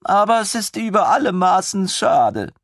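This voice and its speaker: A man putting on an excitable young lieutenant from a fantasy audiobook, his voice pushed up high and swinging wildly as he gushes. The tone is slightly husky, close and dry, and his manner is naive and pompous. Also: moderate pace, dry recording, exaggerated voice. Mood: eager. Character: eager, gushing young male lieutenant. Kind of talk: audiobook character voice.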